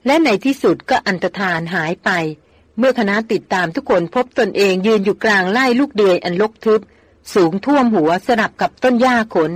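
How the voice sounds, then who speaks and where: An audiobook reader narrating a jungle adventure novel in steady, measured storytelling. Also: medium pitch, dry recording.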